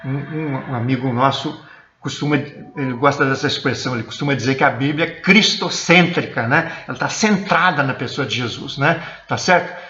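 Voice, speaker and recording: A man's voice: mid-range voice, normal speed, sharp tone, roomy sound, highs cut off. A man with a Brazilian accent, a church elder teaching a sermon for an online service and often checking in with his listeners. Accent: Brazilian Portuguese. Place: church, indoors.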